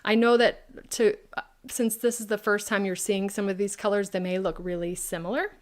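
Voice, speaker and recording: A woman's voice: medium pitch, fairly even intonation, moderate pace. A woman hosting a live craft product demo, chatting and answering viewers' questions by name.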